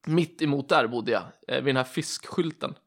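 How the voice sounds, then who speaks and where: A man's voice: mid-range voice, creaky. A young man telling a rambling story in casual chat, full of fillers.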